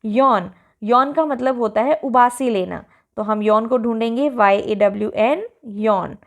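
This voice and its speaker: Higher-voiced woman teacher, unhurried. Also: gravelly. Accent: Indian English. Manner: explains in Hindi, reads English sentences slowly and deliberately. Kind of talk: textbook lesson explanation.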